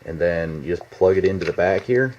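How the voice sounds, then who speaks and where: A man with a deep, slightly mellow voice rambles through an unscripted product demo from his home basement, halting and informal, with mild swearing. The lo-fi home video recording is a little dull, with a bit of hiss or hum.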